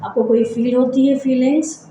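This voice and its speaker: Woman talking u thru a body scan meditation, soft mellow voice a bit high, lots of room echo. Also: fairly even intonation, normal speed, a little hiss or hum. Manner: gentle, repetitive step-by-step guiding. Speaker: psychology channel host.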